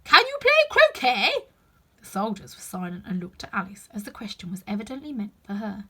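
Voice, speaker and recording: A woman narrating a children's story aloud in an expressive, dramatic storytelling style. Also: mid-range voice, fast talker, slightly rough. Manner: animated, dramatic. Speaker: storyteller reading a children's book.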